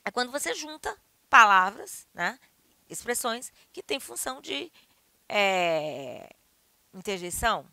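A Brazilian Portuguese-speaking woman teaching a grammar lesson, acting out exclamations with big jumps in pitch and loudness. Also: slow, creaky, no echo. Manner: highly expressive, acts out exclamations with big shifts in pitch and volume.

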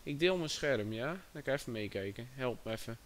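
A man's voice: mid-range voice, expressive, brisk, slight background noise. A man chatting casually on a livestream, distracted and talking to his chat and a friend. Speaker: livestream host.

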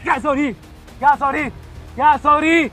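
A man's voice: extremely high pitch, fairly even intonation, unhurried, sharp tone, faint music behind, heavily acted. A young man acting in a staged vlog skit, playing a bystander who confronts a bully with curt, repeated orders. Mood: interrogating. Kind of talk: staged street drama.

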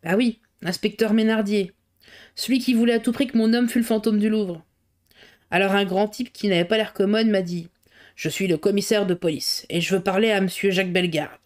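A woman's voice: mid-range voice, fairly even intonation, brisk, darkish tone, lightly acted. A woman voicing a flustered, chatty middle-aged cook who rambles colloquially. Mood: gossipy.

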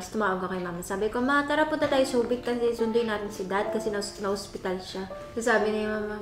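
A young woman vlogger with a slightly high voice, talking casually and reflectively and mixing English into her Tagalog. She sounds like she's in a roomy home kitchen. Clear background music plays under her voice. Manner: mixes English phrases into Tagalog, soft and reflective when recounting memories. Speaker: vlog host. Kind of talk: casual chat and personal storytelling.

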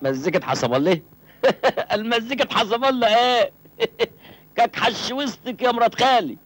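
A cheeky hungry village youth. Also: male voice, very high voice, animated, normal speed. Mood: amused. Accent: Egyptian Arabic. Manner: wheedling and joking, giggles. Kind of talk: 1980s film comedy acting.

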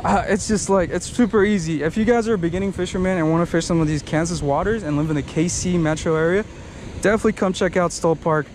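A young man, chatting casually and excitedly while fishing from rocks at a park pond, rambling through explanations with lots of fillers. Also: high-pitched, quick pace, a little hiss or hum. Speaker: fishing vlogger. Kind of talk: casual outdoor fishing vlog. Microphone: head-mounted action camera.

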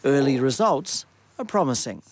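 A man with a New Zealand accent narrating a television news report in a measured, scripted way. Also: mid-range voice, expressive, crowd noise.

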